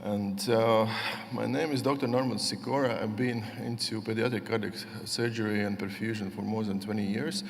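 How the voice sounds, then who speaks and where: A middle-aged man from Latvia giving a conference lecture, speaking haltingly with many fillers and restarts. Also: lowish voice, steady tone, vocal fry. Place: large conference hall. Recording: long hall reverb.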